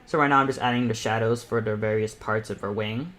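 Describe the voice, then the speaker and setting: A self-taught artist in his teens or early adulthood gives casual live commentary while painting as a panel host. His voice is fairly low and fairly bright, with a steady tone and fast pace. He rambles a little and repeats himself, staying informal and encouraging.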